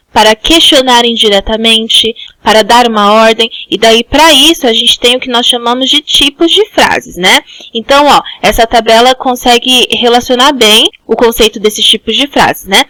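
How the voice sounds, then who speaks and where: High-voiced Brazilian teacher with a dry sound. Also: female voice, sharp tone, no room sound, rough recording. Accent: Brazilian Portuguese. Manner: explains step by step, often adds "né?". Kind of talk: online class lecture.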